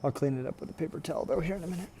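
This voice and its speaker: A man with a fairly high voice hosts a hands-on build vlog. He talks casually and informally as he narrates the work. His manner is excited and gushing, like someone revealing a makeover. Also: racing, a little hiss or hum. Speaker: host of a reptile enclosure build video.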